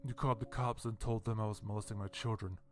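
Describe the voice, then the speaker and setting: A man's voice: lowish voice, steady tone, fast talker, lightly acted. A man voicing a bitter father confronting someone with hard accusations. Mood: accusing.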